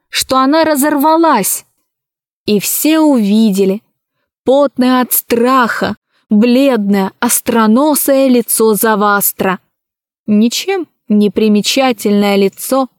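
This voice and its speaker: Slow, dramatic woman storyteller. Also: on the high side, no room sound, clean studio sound. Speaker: narrator. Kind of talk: expressive storybook reading.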